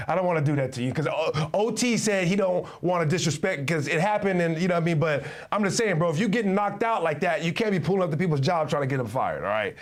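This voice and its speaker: Thirties male host, rapid and slangy, restarts a lot, video-call sound. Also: high voice. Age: 30s. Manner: fast, animated, lots of restarts and slang. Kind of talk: casual online chat.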